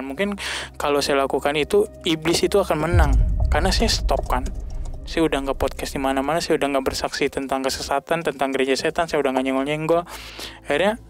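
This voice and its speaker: A young man giving an earnest, halting personal testimony as a podcast guest. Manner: earnest, halting, pitch rising when emotional.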